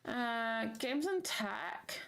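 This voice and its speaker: A woman chatting casually to viewers on a livestream, with an excitable, exclamatory manner. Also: a little high, drawn-out words, gravelly. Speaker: live streamer.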